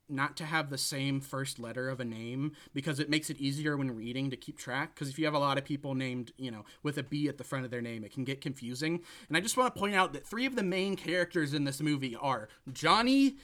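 A man's voice: on the high side, a little fast, fairly bright tone. A young man casually recapping a movie on a podcast, rambling with fillers and asides. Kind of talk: casual chat.

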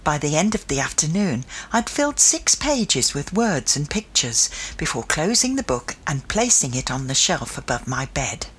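Woman narrator, breathy low voice, very lively intonation, children's storybook reading. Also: normal speed, few pauses. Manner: expressive first-person reading.

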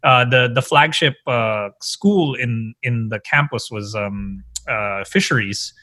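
A man from the Philippines joins a casual conversation as a guest and rambles, leaning heavily on "like" and "um." His medium-pitched voice is slow, pushed, and bright, captured in a dry recording.

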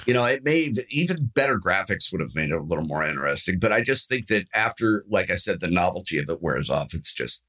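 A man's voice: low voice, very animated, a little fast, hardly any pauses, pushed and bright. A man co-hosting a casual gaming podcast, chatting in a laid-back way and calling people "dude" and "man". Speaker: podcast co-host.

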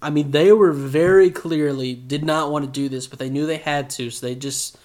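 A man co-hosting a podcast, chatting casually through an episode recap with animated, joking asides. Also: fairly high pitch, moderate pace. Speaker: podcast co-host.

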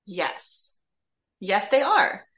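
Middle-aged mom cohosting a podcast, easygoing, agrees a lot, laughs easy. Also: female voice, mid-range voice, sing-song, very slow, pushed and bright. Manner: friendly, agreeable, laughs easily. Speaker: podcast co-host. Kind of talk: casual chat.

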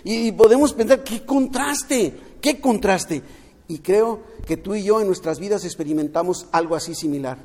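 A man's voice: sits high, fairly quick, hardly any pauses, mellow. A man preaching a sermon as pastor, earnest, often repeating words and restarting. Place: at home, streamed during lockdown. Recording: long hall reverb.

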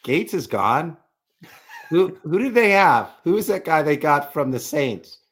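A man's voice: a little high, big pitch swings, measured pace, a bit bright, slightly rough. A man co-hosting a podcast, joking and trading sports takes casually. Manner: joking, teasing banter. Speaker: podcast co-host.

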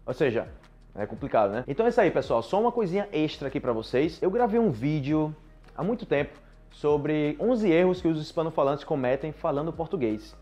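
A man's voice: on the high side, very animated, a little fast, darkish tone. A man with a Brazilian accent teaching Portuguese in a podcast lesson, talking directly and conversationally and often checking in with his listeners. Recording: dull lo-fi sound with faint music.

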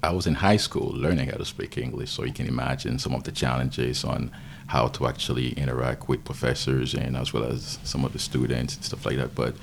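Very deep gravelly Haitian-accented man. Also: steady tone, a little hiss or hum. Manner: thoughtful, halting, with many fillers. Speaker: podcast guest. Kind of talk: casual interview.

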